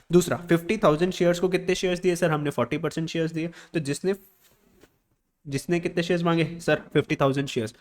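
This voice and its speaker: A man teaching an accounts lesson, asking questions and answering them himself, repeating key words, with an Indian English accent on the English terms. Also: on the high side. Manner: addresses students as beta and sir. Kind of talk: classroom lesson, whiteboard explanation.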